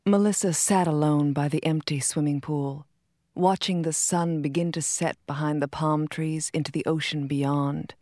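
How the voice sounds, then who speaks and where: A woman reads a short story aloud in a calm, measured way. Her voice sits low, and the recording is dry and close, with no room sound. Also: no room sound. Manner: calm, measured reading with soft quoted dialogue. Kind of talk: scripted narration of a short story.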